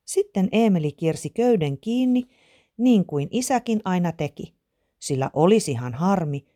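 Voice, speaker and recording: A woman reads a children's storybook aloud. Her voice sits low, but her pitch swings widely. She tells the story in an animated, expressive way. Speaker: narrator.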